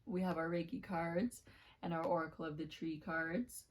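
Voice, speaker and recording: A woman with a low, level voice that has a slight scratch to it, giving a casual tarot reading. She rambles along with plenty of fillers and keeps correcting herself. Her pitch stays even and rarely climbs. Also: moderate pace. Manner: rambling, warm-hearted, many fillers and self-corrections. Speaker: tarot reader.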